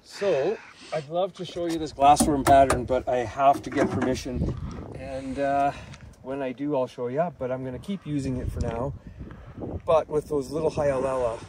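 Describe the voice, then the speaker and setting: A man hosting a fly fishing vlog, explaining his gear in a relaxed way with plenty of fillers, outdoors on a lake. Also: medium pitch, moderate pace, very noisy. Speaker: fly fishing show host. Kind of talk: casual outdoor vlog talk.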